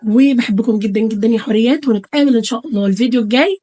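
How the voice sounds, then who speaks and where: A woman's voice: on the high side, rapid-fire, dark tone. A woman with an Egyptian Arabic accent giving a chatty home beauty tutorial to her phone camera, talking to her viewers as girls. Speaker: beauty vlogger. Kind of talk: casual tutorial talk to camera. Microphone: phone camera held close.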